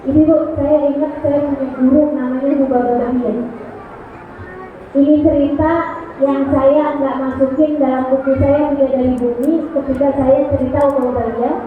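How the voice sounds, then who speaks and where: A woman's voice: high voice, flat delivery, normal speed, slight background noise. A woman preacher giving a religious talk to mothers in a hall, with a sing-song lilt, Arabic recitations and questions put to the audience. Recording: tinny echoey hall recording.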